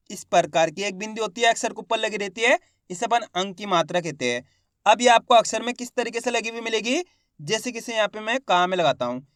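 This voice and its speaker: A man teaching a step-by-step reading lesson, sounding out syllables slowly and answering his own questions. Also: high voice, fairly bright tone, smooth, dry recording, studio quality. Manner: addresses viewers as friends, plain conversational teaching.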